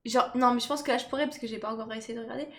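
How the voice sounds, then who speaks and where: A young woman in casual chat, talking in slangy, quick bursts and often laughing. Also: a little high, fairly even intonation, fairly bright tone, a little hiss or hum. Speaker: co-host.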